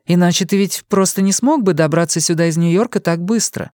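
A man's voice: high voice, a little fast, no room sound, studio quality, pitched above the performer's own voice, lightly acted. A man doing an eager, chatty young woman. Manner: raised, excited delivery.

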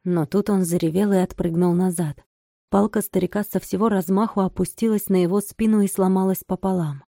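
A woman narrating an audiobook in a steady, even storytelling manner. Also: mid-range voice, fairly quick, no echo, studio quality. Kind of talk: scripted narration.

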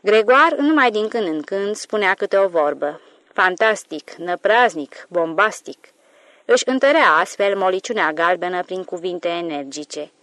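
A woman narrating an audiobook of a literary novel in a calm, measured storytelling voice. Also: medium pitch, no room sound.

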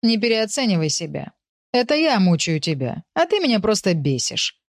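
A woman's voice: medium pitch, very animated, moderate pace. A woman reading a sneering, cruel husband. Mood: taunting. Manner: sneering, taunting. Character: cruel mocking middle-aged husband.

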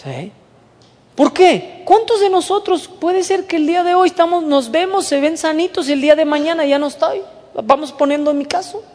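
A man with a Mexican accent preaching a sermon, moving from soft, hushed storytelling to emphatic preaching. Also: extremely high pitch, normal speed. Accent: Mexican Spanish. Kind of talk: sermon with personal testimony. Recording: long hall reverb.

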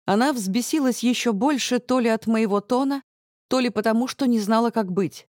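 A woman reading a first-person story aloud in a steady, measured way. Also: fairly high pitch, no room sound, studio quality. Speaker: audiobook narrator. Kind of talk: scripted first-person narration.

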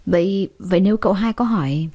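A woman playing a dutiful young manservant in a told story, hesitant and stammering, unsure whether to leave. The voice is mellow and soft. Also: mid-range voice, quick pace, natural voice. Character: hesitant male servant, dutiful.

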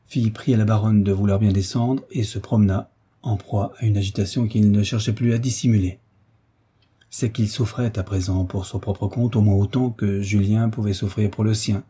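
A male audiobook narrator reading a classic novel in measured, even storytelling. His voice sits fairly low and is very dark and mellow, with a strongly husky, breathy texture. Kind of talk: scripted narration.

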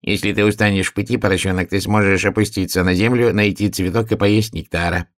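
A man voicing a busy, hard-working female bee who rattles her words off quickly. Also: fairly low pitch, steady tone, no room sound, studio quality, lightly acted. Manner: hurried, rattling speech.

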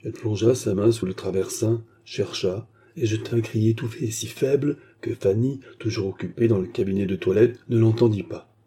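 A man reading a novel aloud as scripted narration, with a steady literary delivery and a shift in voice for each character. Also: on the low side, moderate pace, few pauses, a little hiss or hum. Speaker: audiobook reader.

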